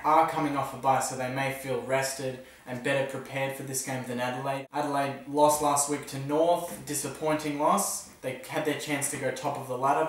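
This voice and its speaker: A man's voice: mid-range voice, recorded from a distance. An Australian man previewing the football round in a casual, opinionated way, cracking jokes at his own expense. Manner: opinionated, self-mocking jokes. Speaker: footy tipster vlogger. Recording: echoey room, voice from the mic.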